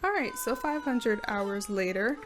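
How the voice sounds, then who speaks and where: A woman giving casual, chatty commentary over life-simulation gameplay, animated and self-mocking. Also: a little high, unhurried. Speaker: gameplay video creator. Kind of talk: casual let's-play commentary.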